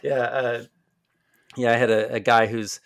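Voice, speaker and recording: A man's voice: medium pitch, flat delivery, measured pace, gravelly. A man with a Southern accent, a podcast guest, rambling through stories about himself. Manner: rambling, self-mocking storyteller. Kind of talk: casual chat.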